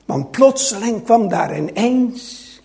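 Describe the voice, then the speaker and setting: A man preaching a sermon to his congregation, with a slow, dramatic delivery that swings between loud and hushed. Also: high-pitched, lively intonation, creaky. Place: church.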